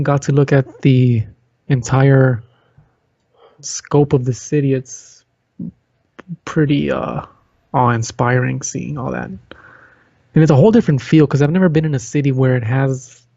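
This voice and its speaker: A man's voice: medium pitch, gravelly, warm tone, no echo, highs cut off. A man co-hosting a podcast, telling a story in easygoing casual chat. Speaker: podcast co-host.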